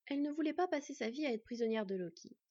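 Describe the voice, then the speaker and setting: A woman calmly narrating a storybook in a measured reading voice. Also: high-pitched, dry recording. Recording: dull lo-fi dry recording.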